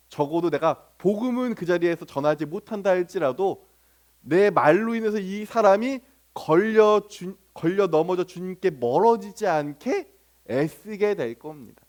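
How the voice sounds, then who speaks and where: Lively high-voiced preaching man. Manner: asks the congregation questions and answers them himself; acts out remarks of church members and strangers in little sketches. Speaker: pastor. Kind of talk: sermon.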